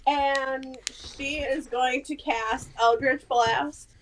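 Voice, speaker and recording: Female tabletop player, casual chat, higher pitch, unhurried delivery. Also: fairly even intonation, a bit bright, slight background noise, rough recording.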